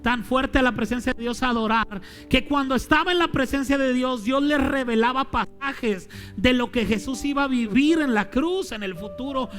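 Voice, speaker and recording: A male pastor preaching with lively, colloquial humor. He sometimes drops to a hushed, dramatic delivery. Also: extremely high pitch, normal speed, faint music behind. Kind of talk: sermon.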